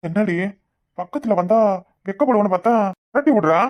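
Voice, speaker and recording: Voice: medium pitch, lively intonation, a little fast, dull audio, close to an everyday voice. A voice actor playing a coaxing young village husband in a cartoon, with a Kanyakumari Tamil accent. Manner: coaxing, pleading.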